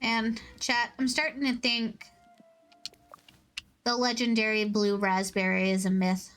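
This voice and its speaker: Streamer, female, unhurried giggly chat over soft music, self-deprecating. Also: on the high side, little pitch movement. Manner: rambling, giggly, self-mocking. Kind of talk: casual game stream chat. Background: soft background music.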